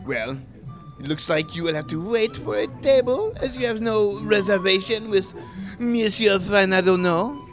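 A man's voice: high voice, animated, normal speed, fairly bright tone. A man playing a haughty, petty waiter with a French accent in a comic audio drama, pompous and disdainful. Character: snobbish, haughty restaurant waiter, contemptuous and petty. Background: music.

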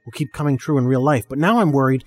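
A man playing an obliging male co-host who reads listener mail in a formal, measured way. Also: medium pitch, breathy edge, lightly acted. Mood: matter-of-fact.

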